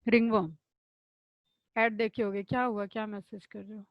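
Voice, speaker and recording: A woman teaching a biology class who explains step by step, asks her own questions and answers them, and reads definitions out slowly. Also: mid-range voice, flat delivery, dry recording, highs cut off. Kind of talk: online class lecture.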